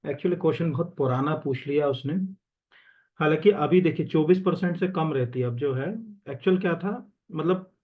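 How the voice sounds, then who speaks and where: A man's voice: fairly high pitch, moderate pace, narrow, tinny audio, a little hiss or hum. A man teaching as an exam coaching teacher, walking through answers in a casual, conversational way with many fillers and self-corrections, mixing English terms into Hindi. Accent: Hindi with English terms mixed in. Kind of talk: explaining exam answers while screen-sharing.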